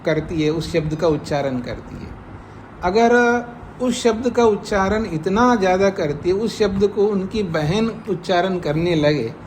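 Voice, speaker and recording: A man with a fairly high voice gives a slow, patient scripture lesson. He restates each point several times and pauses so students can write. A faint hiss sits under the recording. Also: expressive, darkish tone. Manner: slow, explanatory, repeats phrases for dictation. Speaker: Vedic philosophy teacher. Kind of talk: classroom lecture on scripture.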